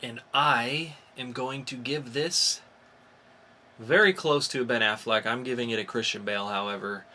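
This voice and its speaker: Medium in pitch and pushed and bright in tone, this man's voice moves at normal speed as he co-hosts a casual podcast, chatting enthusiastically about comics. The recording carries faint background noise.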